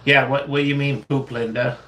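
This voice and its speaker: A man's voice: mid-range voice, little pitch movement, a little fast, a bit bright, slight background noise. A man co-hosting a casual live stream, reading out chat comments and reacting with frequent laughs.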